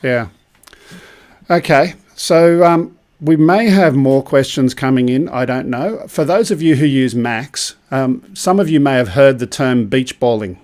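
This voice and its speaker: A man hosting a live stream, chatting casually, reading viewer comments aloud between relaxed ums. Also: medium pitch, measured pace. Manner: relaxed, rambling with many ums.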